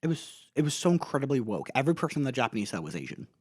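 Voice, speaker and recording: A man co-hosting a comedy podcast, chatting casually with a sarcastic, deadpan ironic delivery. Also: medium pitch, rapid-fire, slightly rough, no echo, studio quality. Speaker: podcast co-host.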